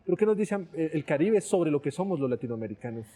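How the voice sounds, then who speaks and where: Casting: male interviewer, conversational, soft mellow tone, voice a little high. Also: sing-song, fast talker.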